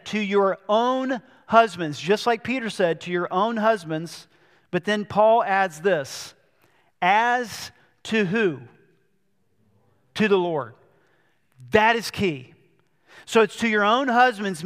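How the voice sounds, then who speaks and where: Male pastor, high voice, preaching in a church with long reverb; slows for scripture readings. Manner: reads scripture slowly, stresses key words. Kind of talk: sermon.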